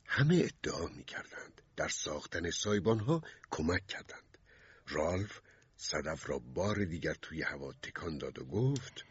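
Male narrator, deep husky voice, lively intonation, dull dry studio recording. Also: no echo. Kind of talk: scripted narration.

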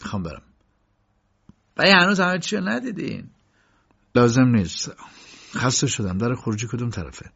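An uneasy accused man snaps curt demands in a gravelly voice, as a male audiobook narrator plays him. His tone is clipped and impatient. The sound is dull and lo-fi. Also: medium pitch, big pitch swings, long pauses, a bit bright, exaggerated voice. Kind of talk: audiobook reading. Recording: dull lo-fi recording.

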